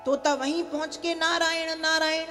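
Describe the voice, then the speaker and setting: A woman's voice: extremely high pitch, little pitch movement, moderate pace, in a large hall, music in the background. A woman voicing a proud demon king as he explains himself sheepishly to his wife, in a devotional story.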